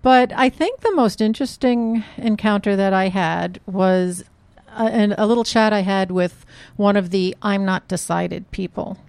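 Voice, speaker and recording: A woman's voice: mid-range voice, unhurried, vocal fry, few pauses, smooth, no room sound. A middle-aged woman telling a story in a casual chat, quoting people as she goes. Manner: animated storyteller, quotes people in her own voice. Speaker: guest recounting canvassing.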